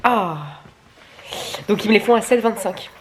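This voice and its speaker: Unhurried and steady, a young woman with a medium-pitched voice films vlog stories, confiding casually to camera. She's crude and candid, grumbling and making fun of herself in everyday language. A slight hiss or hum is audible.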